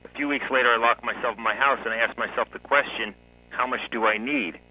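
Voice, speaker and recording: A man in his forties, a guest author, telling his life story in a relaxed interview, often chuckling. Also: medium pitch, quick pace, a little hiss or hum, poor audio. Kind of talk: conversational interview.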